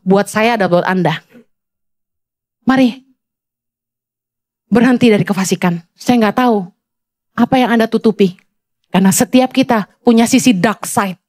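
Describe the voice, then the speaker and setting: A woman's voice: a little high, a little mellow, dry recording. Woman pastor, middle-aged, dry close sound, blunt scolding preaching. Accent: Indonesian. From Indonesia. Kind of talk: sermon.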